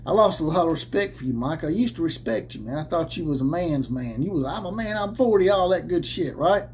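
A man in his thirties who hosts a college football commentary channel rants to a desk camera framing his head and shoulders, in an indoor room with caps hung on the wall. His voice is a little high, expressive, a little fast and darkish, and he's combative and sarcastic, laughing mockingly. Slight background noise is present.

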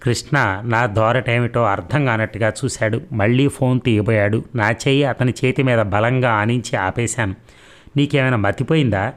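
Brief: male audiobook narrator, measured and even, middle pitch. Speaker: novel reader.

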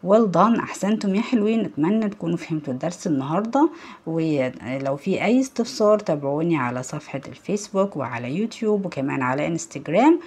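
Lively, husky Egyptian woman teacher. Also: lowish voice, fast. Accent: Egyptian Arabic. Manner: asks the children questions and praises them. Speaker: primary school English teacher. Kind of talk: recorded lesson for young pupils.

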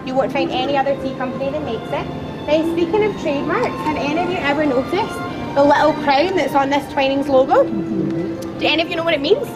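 A young woman working as a tour guide leads a group through an outdoor garden at a theme park, talking loudly in a high, bright voice at a slightly fast clip. She's lively, chatty and full of playful jokes. With no microphone, she's captured by a camera a few steps away, and music plays clearly in the background.

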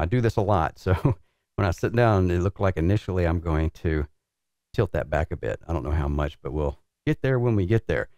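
A middle-aged man, the show's reviewer, calmly walking through assembling a racing cockpit in his workshop, talking practically as he works. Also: deep voice, dry recording, muffled recording. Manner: relaxed, practical explaining while working with tools. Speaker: sim racing equipment reviewer. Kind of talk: hands-on product setup walkthrough. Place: large indoor workshop with concrete floor.

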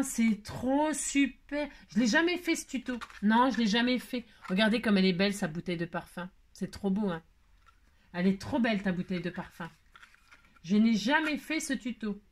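Brief: woman vlogger, slightly high voice, effusive and chatty, repeats her delight, restarts sentences. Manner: effusive, gushing, repeats exclamations. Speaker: craft vlogger opening mail. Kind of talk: casual chat to viewers.

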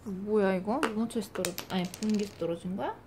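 A woman's voice: medium pitch, fast talker. A young mother at home coaxing her baby to eat with playful sing-song baby talk. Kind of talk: casual home video. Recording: noisy home recording.

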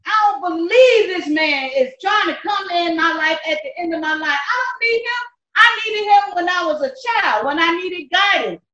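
A woman's voice: very high-pitched, expressive, moderate pace, sharp tone, heavily acted. A woman playing a bitter, scornful daughter. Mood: worked up. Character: bitter grown daughter about to marry. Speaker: church skit actor. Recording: echoey, dull lo-fi sound.

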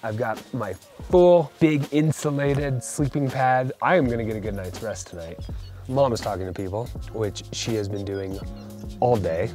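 A man's voice: mid-range voice, normal speed, mellow, faint music behind. A man hosting an outdoor vlog, narrating casually and with enthusiasm from a mountain campsite into a handheld camera mic. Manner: chatty, enthusiastic. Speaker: vlog host.

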